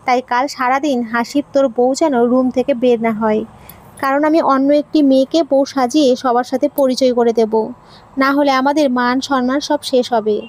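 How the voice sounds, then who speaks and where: A woman voicing a scornful, status-obsessed middle-aged mother who talks in a shrill, scolding way. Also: fairly even intonation, moderate pace, darkish tone, natural voice. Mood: scheming.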